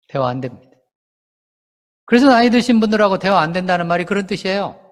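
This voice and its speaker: A man preaching as a pastor, talking in a conversational way with rhetorical questions and briefly acting out quoted people. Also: high voice. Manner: animated, acts out quoted parents and children. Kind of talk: sermon. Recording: long hall reverb.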